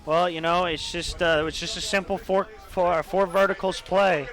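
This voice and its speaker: Student color analyst, young man, high-pitched, explains plays loosely with fillers, outdoors at a stadium. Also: steady tone, normal speed, fairly bright tone, rough recording. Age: young adult. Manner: analytical, many fillers like "uh" and "you know". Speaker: color commentator. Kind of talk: college football analysis.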